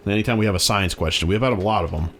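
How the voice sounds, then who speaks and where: A man's voice: on the low side, rapid-fire, a bit bright, a little hiss or hum. A man co-hosting a radio show, trading playful jokes in casual banter. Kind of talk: casual chat.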